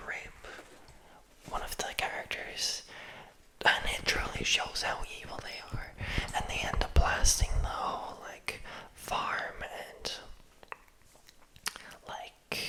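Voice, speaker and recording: Whispering slowly with frequent pauses, a young adult ASMR creator speaks in a pushed, bright voice, close enough to the mic to cause pops. The recording is rough. Her chat is rambling and loose, heavy with "like" and "um", and she often loses the thread.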